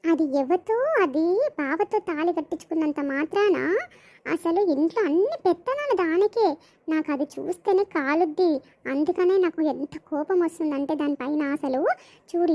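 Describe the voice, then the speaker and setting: A woman's voice: very high-pitched, mellow, dull audio. A woman voicing a jealous, scheming young woman, with a complaining, resentful tone. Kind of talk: animated village comedy voicing.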